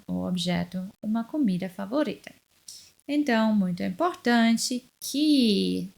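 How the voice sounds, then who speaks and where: A woman teaching a beginners' language lesson, explaining step by step in a slow, deliberate way. Her first language is German. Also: medium pitch.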